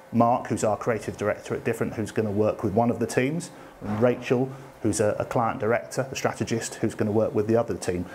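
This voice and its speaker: A man's voice: fairly low pitch, a little mellow, slight background noise. Upbeat man briefing a challenge. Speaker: challenge host setting a task. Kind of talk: briefing students.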